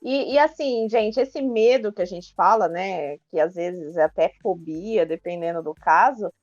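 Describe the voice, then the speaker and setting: A woman's voice: fairly low pitch, measured pace, a little mellow, no room sound, lo-fi sound, soft background music. A woman from Brazil on a podcast, giving practical advice in a chatty, explanatory way. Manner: explanatory, many filler tags. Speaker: guest speaker on public speaking.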